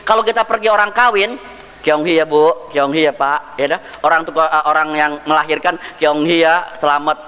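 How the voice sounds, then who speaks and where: A man's voice: sits high, pushed and bright. A man preaching a sermon as pastor, joking and firing rhetorical questions straight at his congregation. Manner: jokey, acts out dialogue. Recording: reverberant hall.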